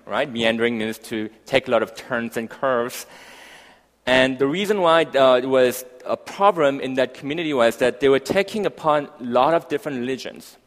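A man preaching a sermon, speaking haltingly with many fillers and restarts. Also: medium pitch. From grew up partly in Africa. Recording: long hall reverb.

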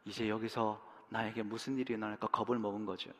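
A pastor preaching a sermon, telling a personal story that swings from hushed to loud. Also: male voice, on the low side, flat delivery, quick pace, long reverb tail. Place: church sanctuary.

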